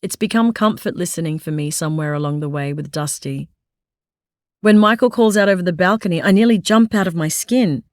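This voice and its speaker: A woman's voice: lowish voice, a little fast, dry recording. A woman giving confiding first-person audiobook narration on a close studio mic.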